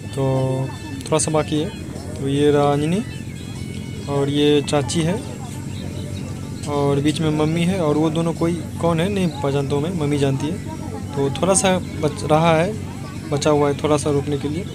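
A man's voice: a little high, steady tone, a little slow, pauses often, over music. Young man vlogging outdoors by phone. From Bihar, India. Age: young adult. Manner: chatty, complaining, explains step by step. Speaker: village vlogger. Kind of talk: casual vlog to camera. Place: outdoors at a building site and rice fields. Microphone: phone held at arm's length.

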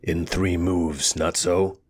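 A wounded, sharp-minded lord speaks in a measured, faintly mocking manner, read by a male storyteller. His voice is deep and unhurried, close to the reader's own tone. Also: little pitch movement. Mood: wry calm. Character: wounded, cruel-mouthed lord, a sharp and wry strategist.

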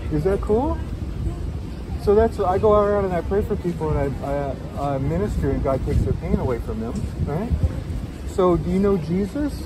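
A man doing street ministry outdoors by a beachfront hotel, gently coaxing someone with questions while he prays for her, recorded on a handheld phone. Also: on the high side. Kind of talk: street prayer conversation. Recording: outdoor noise clearly audible.

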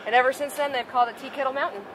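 A woman who is an outdoor adventurer and hunter explains the landscape on a forest trail, talking in an informative way with filler pauses. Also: sits high, fairly even intonation, noisy background.

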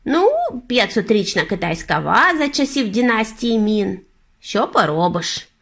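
A steady, knowing old grandmother, as a woman plays her in a children's audiobook, slower and a touch lower than the narration. She explains things unhurriedly while the voice still moves with lively inflection. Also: creaky, full character voice. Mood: brisk. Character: calm, determined elderly grandmother.

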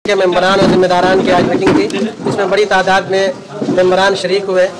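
A man's voice: sits high, completely flat delivery, a little fast, loud music behind the voice, low-quality recording. Formal-speaking man, voice held level. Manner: formal, flowery Urdu-style phrasing. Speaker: community organization member. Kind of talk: speaking to a news camera. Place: indoor hall among a crowd. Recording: crowd noise behind.

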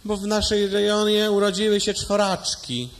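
A man voicing a prim female clinic nurse in a high, drawn-out put-on voice. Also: little pitch movement.

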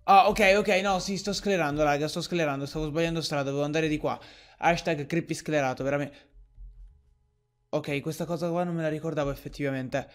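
Excitable man playing a game. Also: a little high, brisk. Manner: excitable, swears often, yells in frustration. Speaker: gaming YouTuber. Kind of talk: Let's Play commentary.

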